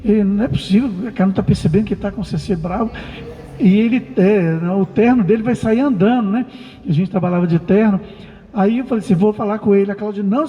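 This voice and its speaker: High-voiced Brazilian pastor preaching in a reverberant hall. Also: male voice, warm tone. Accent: Brazilian Portuguese. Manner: conversational preaching, frequent "né?" tag questions. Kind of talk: sermon. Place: church hall. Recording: long reverb of a church hall.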